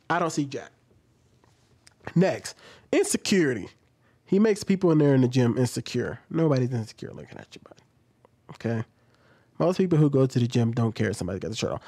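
A man's voice: medium pitch, darkish tone, no echo. Blunt casual man, close dry mic. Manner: blunt, conversational, many fillers. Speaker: commentary vlogger. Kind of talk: casual reaction commentary. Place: home room with shelves. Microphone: studio XLR mic on boom, close.

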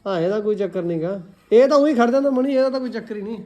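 Brief: very high-pitched man, casual teasing farm vlogger, stable yard, phone mic. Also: expressive, racing, darkish tone, lo-fi sound. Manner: teasing, coaxing, repeats urgings. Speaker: farm vlogger filming with a friend. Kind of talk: casual outdoor banter. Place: outdoors at a horse stable. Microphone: phone camera.

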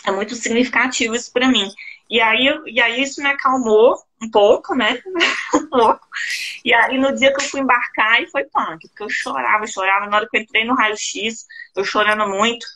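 A Brazilian woman in her thirties with a Brazilian Portuguese accent, telling her own story as a career coach in a relaxed live-stream chat. Her voice is bright and sits a little high. She tells it with feeling and laughs often between phrases. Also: normal speed, rough recording.

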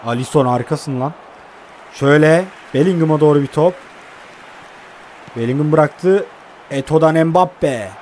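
Young male gamer, high voice, running play-by-play, frustrated outbursts, faint hiss behind. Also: a little slow, long pauses. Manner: excitable, swears and groans at the game. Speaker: mobile football game streamer. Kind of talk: live gameplay commentary.

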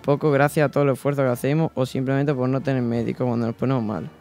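Over soft background music, a Spanish teenage student on school radio reads a craftsman's first-person letter from the 1790s, lightly acting the part of a humble, weary man. His voice is medium-pitched, level, fast and a little mellow, and he reads plainly with small slips into a desk microphone, wearing headphones, in a small studio.

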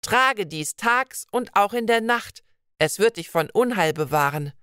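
A woman voicing a kindly, wise old woman of the forest in a storybook reading, speaking slowly and gently in old-fashioned phrases. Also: medium pitch, lively intonation, smooth, no echo, clean studio sound. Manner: slow, gentle, archaic speech.

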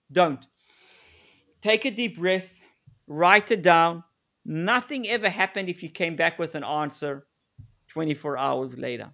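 A man's voice: high voice, a bit bright. A man presenting a live webinar on negotiation, giving direct, coaching advice with frequent fillers and restarts, heard over a video call.

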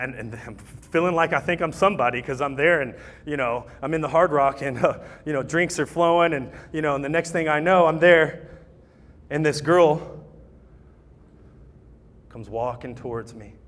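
A man giving an impassioned personal testimony at a church, repeating phrases and building to shouts. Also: a little high. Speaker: guest speaker at church recovery ministry. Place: church sanctuary. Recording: long church hall reverb.

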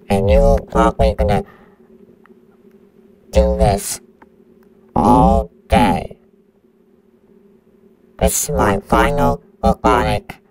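A robotic computer virus. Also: male voice, fairly low pitch, noisy background. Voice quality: robotic synthetic voice. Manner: threatening countdown announcements. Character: menacing male computer virus entity.

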